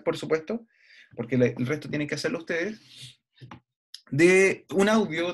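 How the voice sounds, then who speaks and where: A man teaching an online class, explaining step by step and often checking in with his students, with some hesitant fillers. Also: a little high. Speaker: university lecturer. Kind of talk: online lecture.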